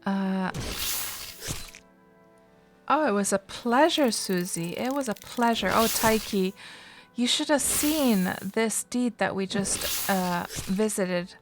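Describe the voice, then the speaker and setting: A chatty Finnish woman streams a game over music, answering viewers in casual chat. Her medium-pitched voice has lively intonation and a slow pace, and she thinks aloud with lots of fillers and restarts.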